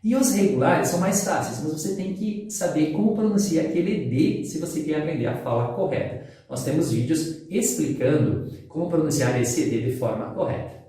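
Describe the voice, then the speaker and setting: Echoey teacher, mellow voice. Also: male voice, fairly high pitch, expressive, normal speed. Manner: patient, explains step by step, switches between English examples and Portuguese. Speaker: English teacher. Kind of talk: explaining grammar lesson. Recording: very echoey room, far from the mic.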